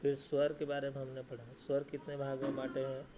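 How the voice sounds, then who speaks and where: Male teacher, mid-pitched, monotone delivery, quizzes and answers himself, stretches sounds to demonstrate, faint background noise. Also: fairly quick. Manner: asks questions and answers them himself; repeats "ठीक है" and "है ना" often. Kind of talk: Hindi grammar lesson.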